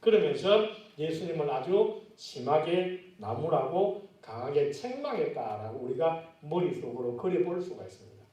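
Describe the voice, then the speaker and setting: Male pastor, middle-aged, high voice, chatty sermon delivery, heard from a distance in a very echoey church hall. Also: big pitch swings, normal speed, few pauses, warm tone. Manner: conversational preaching with questions to the congregation. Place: church sanctuary. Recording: very echoey church, mic far off.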